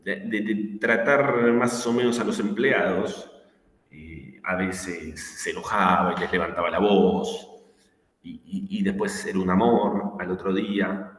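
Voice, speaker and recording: Rioplatense male teacher, low register, anecdotal lecturing; roomy long-reverb space. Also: fairly even intonation, a little slow, fairly bright tone. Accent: Rioplatense Spanish. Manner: anecdotal, with acted quotes and fillers. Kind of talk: online class lecture. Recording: echoey room with long reverb.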